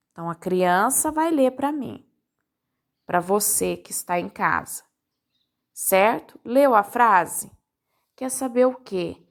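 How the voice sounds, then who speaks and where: Slow, patient woman teacher with a Brazilian accent. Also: fairly high pitch, vocal fry, a bit bright. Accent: Brazilian Portuguese. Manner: patient, step-by-step, checking in with "tá?". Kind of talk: recorded lesson for parents.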